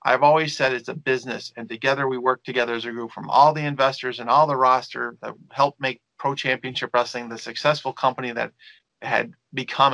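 A man's voice: medium pitch, pushed and bright, dry recording, low-quality recording. Man, wrestling promoter, rambling storytelling, dry close sound, full of ums and restarts. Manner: rambling, with many fillers and restarts. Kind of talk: casual storytelling interview.

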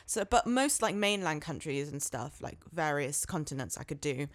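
A young British woman chatting casually as a podcast co-host, with an animated, talkative manner. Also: sits low, moderate pace. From United Kingdom. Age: young adult. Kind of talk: casual chat.

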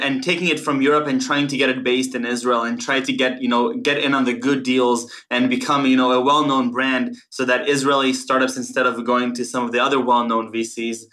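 A man hosting an interview, with a bright, forward voice. He asks long, winding questions with keen enthusiasm. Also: mid-range voice. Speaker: podcast host. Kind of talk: conversational interview.

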